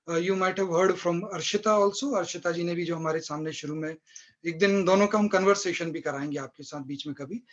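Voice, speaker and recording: An Indian man gives a live online English lesson in a voice set fairly high for a man. He moves between Hindi and English and slows down on the words he explains. The sound is dull and lo-fi, the way a web call sounds. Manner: mixes Hindi and English, explains slowly, recites poetry with feeling. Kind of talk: live online class lecture.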